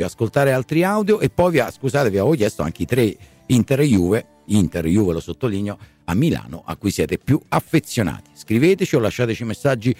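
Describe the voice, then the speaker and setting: A man's voice: medium pitch, a little mellow, dry recording. A middle-aged man hosting a live radio show in a chatty, conversational way, often checking in with tag questions.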